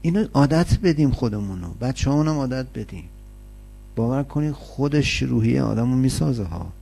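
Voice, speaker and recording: Gravelly, husky man giving a sermon. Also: mid-range voice, expressive, dark tone. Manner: explains with everyday examples and rhetorical questions. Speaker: religious lecturer. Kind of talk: conversational sermon.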